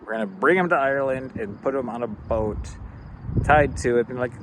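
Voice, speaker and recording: A man's voice: medium pitch, fairly quick, background noise. A man doing profane, rambling stand-up comedy.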